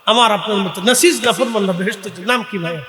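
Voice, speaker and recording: Male preacher, high-voiced and fiery, sermon to a crowd. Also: fast talker, echoey room, in a large hall. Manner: impassioned, shouting in rising bursts. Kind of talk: Bengali waz sermon.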